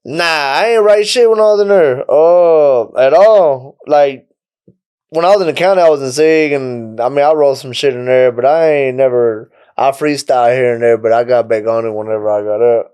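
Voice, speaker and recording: A man's voice: mid-range voice, moderate pace, clear, resonant tone. A man, telling his story casually as a rapper guest on a podcast. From Mexico. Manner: relaxed storytelling, frequent "you know what I'm saying".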